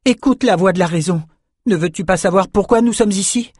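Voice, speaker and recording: A man's voice: high-pitched, fairly quick, darkish tone, slightly rough, no room sound, clean studio sound, pitched above the performer's own voice. A man voicing a small, stubborn girl who speaks earnestly and insistently in an audiobook. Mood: persuasive. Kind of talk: audiobook character voice.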